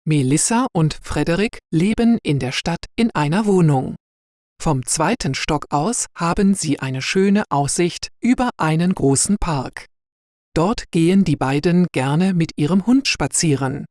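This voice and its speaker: Slow, deliberate woman narrator. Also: low-pitched, animated, darkish tone, no room sound, studio quality. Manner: clear and deliberate. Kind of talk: slow scripted story narration for learners.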